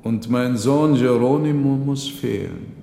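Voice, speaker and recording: Man playing a pleading old father, earnest, slow, echoey hall. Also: mid-range voice, gravelly, dark tone, slight background noise, voice pushed up. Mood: grieving. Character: old male host, grieving father, earnest. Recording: roomy reverberant hall.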